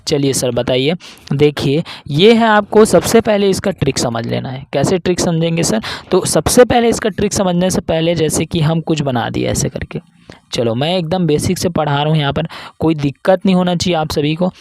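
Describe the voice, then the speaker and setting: A man with a fairly high voice teaches an online reasoning class for entrance exams. He keeps posing questions and answering them, slipping into the students' voice now and then. The sound is dry and close. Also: animated, moderate pace, creaky, a little mellow, no echo. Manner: asks and answers his own questions, voicing students. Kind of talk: online exam-prep lesson.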